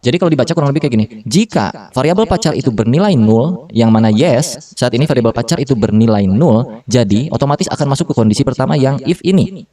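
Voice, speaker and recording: Man in his thirties, programming tutor, quick casual delivery, mellow dark tone, slightly distant mic. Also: medium pitch, animated. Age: 30s. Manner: slangy Jakarta-style casual talk with fillers and self-corrections. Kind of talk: casual screen-recorded coding tutorial.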